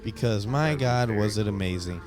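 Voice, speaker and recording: A man's voice: lowish voice, expressive, normal speed, crowd noise. A young man narrating his stadium tour video in a casual, enthusiastic, rambling way with lots of fillers. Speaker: vlogger giving a stadium tour.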